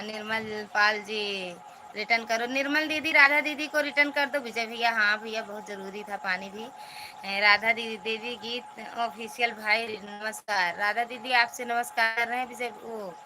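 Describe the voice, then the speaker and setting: Live stream host, chatty, kinda high voice, lots of background noise. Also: female voice. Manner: chatty, reads out and answers viewer comments. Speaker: livestream host. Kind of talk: casual livestream chat, greeting viewers.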